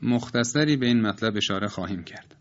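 A man calmly explaining Quran recitation rules step by step, reciting each example slowly and repeating it. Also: fairly low pitch, dull audio.

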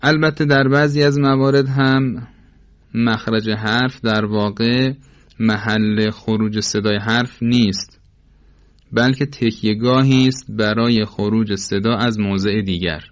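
A man's voice: lowish voice, steady tone. A man teaching a lesson, explaining step by step in a patient, formal and methodical manner. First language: Persian. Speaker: Quran recitation teacher. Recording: dull lo-fi recording.

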